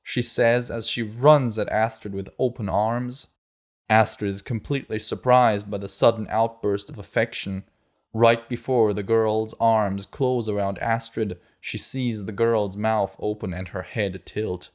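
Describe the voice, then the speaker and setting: A man narrating an audiobook in a measured, steady way. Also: lowish voice. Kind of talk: scripted narration.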